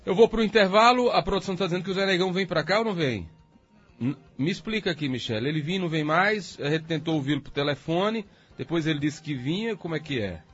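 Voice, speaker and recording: A radio host with a somewhat high, husky voice who talks very fast and keeps things moving. The sound is dull and lo-fi, with faint music in the background. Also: male voice, expressive, fairly bright tone. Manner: brisk, questioning. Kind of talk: radio talk show hosting.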